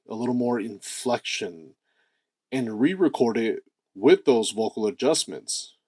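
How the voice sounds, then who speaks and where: In a dry recording, a man with a deep voice hosts self-improvement content, giving an animated motivational talk that stresses key words and stretches out phrases.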